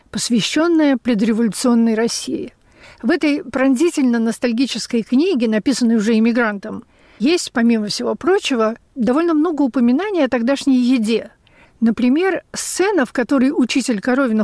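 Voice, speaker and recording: A woman radio essayist reading her memoir-style script in a measured, reflective way. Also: a little high, a little mellow, no room sound, clean studio sound.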